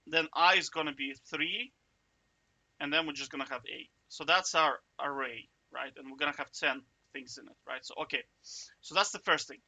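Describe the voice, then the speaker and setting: A coding tutor speaks at normal speed in a highish, sharp male voice. Thinking aloud in a relaxed, chatty walkthrough, he keeps interrupting himself with jokes and checking in with the viewer through frequent "right?"s.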